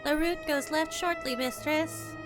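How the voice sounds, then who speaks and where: A formal robotic servant companion, as a woman puts it on, speaking in a stiff, clipped robot voice and calling its owner mistress. The voice sits high and is paced slowly and deliberately. Game music plays behind it. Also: fairly even intonation.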